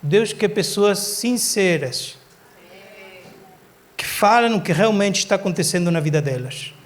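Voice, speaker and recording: High-voiced pastor preaching. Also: male voice, unhurried. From Argentina. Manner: lively storytelling, acts out quotes for laughs. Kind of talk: sermon. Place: church service.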